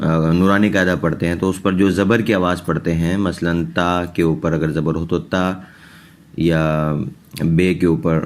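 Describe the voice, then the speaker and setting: Man, very low pitch, patient teacher, repeats each word twice. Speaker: English teacher. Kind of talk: recorded online lesson.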